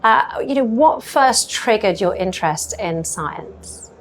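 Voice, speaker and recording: A woman's voice: medium pitch, animated, takes it slowly. A woman hosts a podcast interview with an eager, chatty delivery. Her voice sits in a middle register. She records in an event booth, with a faint hum of ambience behind her. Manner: enthusiastic, chatty questions. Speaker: podcast host.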